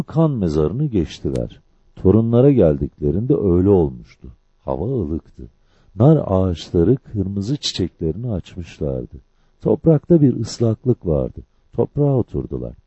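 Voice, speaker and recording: Dark, husky male storyteller. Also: deep voice, no room sound, lo-fi sound. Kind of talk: scripted story narration.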